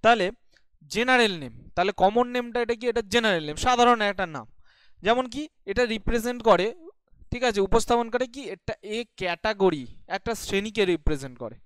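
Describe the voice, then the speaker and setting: A male teacher leads a classroom grammar lesson. His voice is high and smooth, and it sits dry and close to the mic. He asks his class questions, answers them himself and keeps checking that they follow. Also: animated, fairly quick, a bit bright, dry recording. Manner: explaining patiently, checking in often. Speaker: English teacher.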